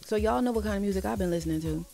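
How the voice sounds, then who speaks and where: A woman in her forties tells stories in a chatty, animated way and giggles easily. Her pitch sits in the middle range. Faint music plays softly in the background. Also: racing, gravelly. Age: 40s. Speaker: singer guest. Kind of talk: casual live-stream interview.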